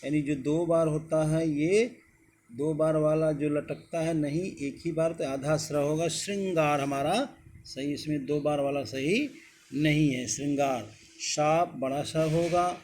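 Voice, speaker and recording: Male tutor, unhurried exam-prep drill voice, slightly raised pitch. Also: steady tone, darkish tone, slight background noise. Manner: slow, deliberate dictation of words one by one. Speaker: teacher. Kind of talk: exam-prep lesson on spelling.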